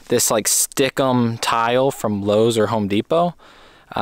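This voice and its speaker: A young man casually walking through his homemade camping trailer outdoors, chatty and relaxed, often correcting himself mid-sentence. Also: lowish voice, dry recording. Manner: relaxed and chatty, with frequent fillers and self-corrections. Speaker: DIY trailer builder giving a walkaround. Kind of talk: casual off-the-cuff walkaround. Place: outdoors at a campsite.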